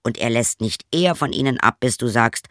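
A man voicing a wise old male master craftsman who calmly instructs his apprentice. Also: medium pitch, brisk, no echo, clean studio sound, natural voice. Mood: instructive.

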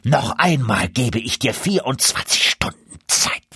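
A man voicing a proud, furious duke in a fairy-tale reading, shouting threats in a raised, strained voice. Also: medium pitch, sing-song, drawn-out words, breathy edge, no echo, studio quality, full character voice. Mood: raging.

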